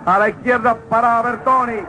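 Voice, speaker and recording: A man's voice: extremely high pitch, flat delivery, moderate pace, background noise. A man doing breakneck goal commentary as a football commentator, rattling off calls and stretching out repeated cries.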